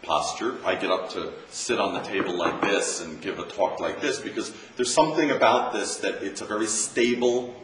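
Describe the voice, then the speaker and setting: A man's voice: lowish voice, normal speed, hardly any pauses, fairly bright tone. An American man, a Zen monk, giving an informal meditation talk in a conversational way, often repeating phrases for emphasis. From United States. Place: campus lecture room. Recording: roomy, distant mic, faint hiss.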